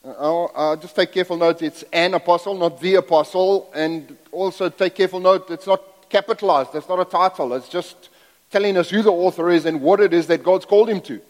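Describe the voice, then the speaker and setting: This guest sermon comes from a middle-aged Zambian man raised in South Africa, whose fairly high voice runs a little fast with fairly even intonation. He's folksy and self-deprecating, straying into asides. Long reverb echoes through the church sanctuary.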